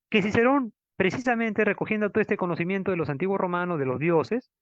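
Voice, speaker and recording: A man giving a law lecture with slides, in a teaching manner full of tag questions and slow stress on Latin words. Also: fairly high pitch, dry recording. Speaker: law professor. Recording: dull, dry lo-fi lecture recording.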